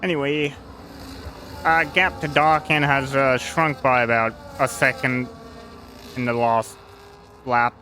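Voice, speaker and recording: A man's voice: mid-range voice, steady tone, slow pace, long pauses, bright, forceful tone, low-quality recording. A man giving informal live motorsport commentary on a sim race, hesitant and thinking aloud as he goes.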